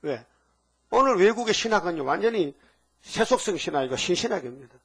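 A man's voice: sits high, very animated, fairly quick, fairly bright tone, slightly rough. An older man preaching a sermon, full of rhetorical questions. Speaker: pastor.

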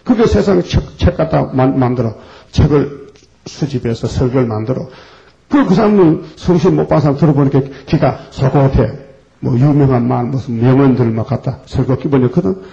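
A man's voice: medium pitch, brisk, vocal fry, warm tone. An older man preaching a fiery, blunt, scolding sermon in a colloquial way. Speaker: pastor. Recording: dull lo-fi recording.

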